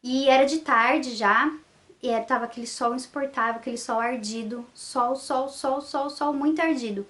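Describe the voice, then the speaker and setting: Young woman vlogger, high pitch, indignant storyteller. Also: normal speed, a bit bright. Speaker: vlogger and mother. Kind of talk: casual vlog monologue.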